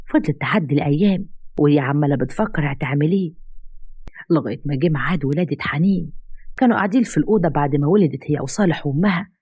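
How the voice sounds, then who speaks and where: Woman storyteller, Egyptian accent, low husky voice, dry close sound. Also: dry recording. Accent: Egyptian Arabic. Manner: expressive, dramatic. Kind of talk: dramatic story narration.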